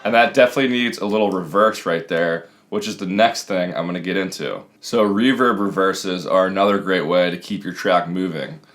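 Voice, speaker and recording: A man's voice: deep voice, a little fast, few pauses, a bit bright. A man in his thirties talking casually and explaining step by step as a music production tutor, recorded in a small home room.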